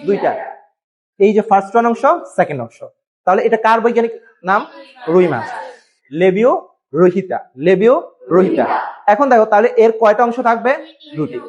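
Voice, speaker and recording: A man's voice: sits high, animated, a little fast, pauses often, darkish tone, muffled recording. A man teaching a biology class at a board, asking questions and answering them himself, and spelling words out. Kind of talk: classroom lesson.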